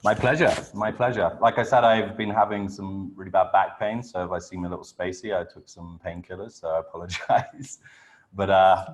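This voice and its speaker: A man's voice: low-pitched, little pitch movement, a little fast, rough recording. A man with a British accent leading an online workshop as a breathwork coach, talking casually and informally and checking in with his listeners. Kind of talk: casual explanatory talk on a group video call. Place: online group video call.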